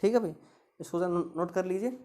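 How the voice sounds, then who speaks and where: A woman's voice: on the low side, fairly quick, warm tone. A woman tutoring exam-prep math, talking through each step with rhetorical questions.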